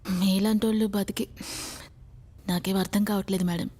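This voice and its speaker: A woman's voice: mid-range voice, normal speed, slightly rough, lightly acted. An actress playing a defiant, embittered young woman on a TV talk show in a film drama. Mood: cold. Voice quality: calm, cold and defiant. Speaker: show guest.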